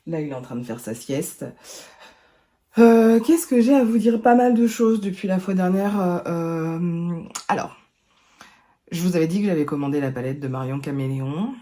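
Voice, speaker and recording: A woman beauty vlogger, hoarse from a sore throat, chatting casually to camera at home with lots of hesitations. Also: lowish voice, animated, normal speed, warm tone. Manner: chatty, rambling, many hesitations. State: hoarse from laryngitis. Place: at home indoors.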